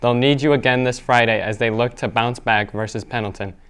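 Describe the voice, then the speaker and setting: A teenage boy anchors a student newscast from a school studio, reading announcements steadily aloud with a few small slips. His mid-range voice is smooth and moves a little fast.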